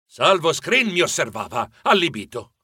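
A man narrating a children's adventure audiobook with playful, expressive storytelling. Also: fairly high pitch, normal speed, husky, no echo, studio quality.

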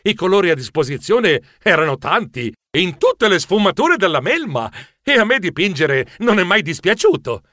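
A man narrating a children's story with playful theatricality. His voice sits a bit high and moves expressively, recorded close and dry. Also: big pitch swings, moderate pace, few pauses, pushed and bright, no echo. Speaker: audiobook narrator.

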